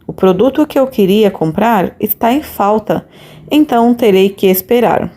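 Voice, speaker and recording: A woman teaching an English lesson, repeating key phrases slowly and deliberately. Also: mid-range voice, lively intonation, dark tone. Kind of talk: scripted language lesson.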